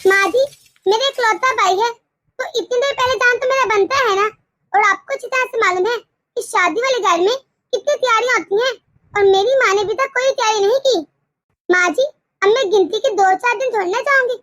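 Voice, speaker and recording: A woman doing a stubborn cartoon daughter-in-law, defiant, argumentative, very high voice. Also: moderate pace, a bit bright, dry recording, studio quality. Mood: insistent. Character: stubborn young daughter-in-law, self-centred. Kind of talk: cartoon voice acting.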